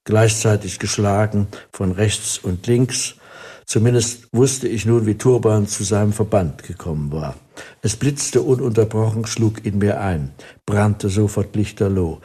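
Low, husky male narrator. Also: warm tone. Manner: wry, vivid storytelling. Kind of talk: audiobook reading, first-person narration.

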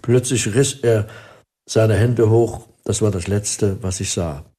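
A man reads a first-person story aloud for an audiobook, in a wry, vivid manner. His voice sits low, with a husky edge and a dark, mellow colour. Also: slow pace. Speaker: narrator.

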